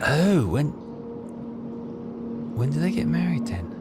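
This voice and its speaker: This let's play commentator talks casually while game music plays, muttering to himself and wondering aloud. He has a higher voice that's very animated yet slow, and the audio is very noisy.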